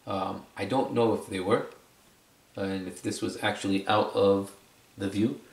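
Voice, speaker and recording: He speaks with a lowish, gravelly, somewhat dark voice, fairly even in intonation and measured in pace. As a product reviewer, he gives an informal, unscripted demo, explaining and repeating phrases for emphasis, recorded from a distance in an echoing room.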